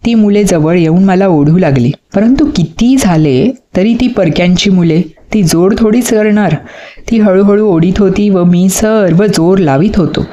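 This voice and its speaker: A narrator reading a storybook aloud at a steady pace. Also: medium pitch, measured pace, dull audio. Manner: steady reading with acted dialogue.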